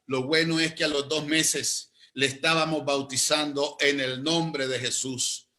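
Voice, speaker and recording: A male pastor preaching a sermon, telling a story and swinging between loud emphatic phrases and low, slow ones. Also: fairly even intonation.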